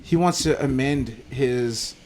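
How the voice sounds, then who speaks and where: A man's voice: medium pitch, slow, a little mellow. A young man co-hosting a casual podcast, rambling about a film with lots of swearing and restarts. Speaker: podcast co-host. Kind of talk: casual film chat among friends.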